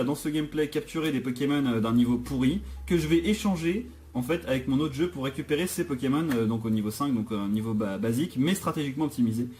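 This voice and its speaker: A man's voice: on the high side, a little mellow. Nervous, jokey gamer man. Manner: nervous, jokey, restarts often. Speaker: gaming channel host. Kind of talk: let's play commentary.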